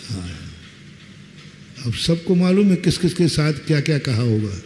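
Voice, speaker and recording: A man giving a sermon as a Jain monk, telling stories slowly and acting out quoted speech. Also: a little high, a little hiss or hum. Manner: slow, lively storytelling with acted quotes. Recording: long reverb, faint ambience.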